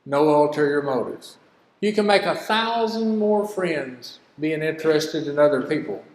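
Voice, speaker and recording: An older man with a drawl teaches in a homespun, storytelling way, earnest and plain-spoken. His voice sits a bit high for a man. The sound rings through a reverberant hall, with a long echo trailing each phrase. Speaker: business teacher. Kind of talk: folksy teaching talk.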